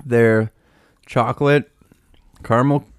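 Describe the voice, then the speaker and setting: A man's voice: medium pitch, steady tone, slow, clear, resonant tone, dry recording, clean studio sound. A young man co-hosting a podcast, laid-back and slangy in casual chat. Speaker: podcast co-host.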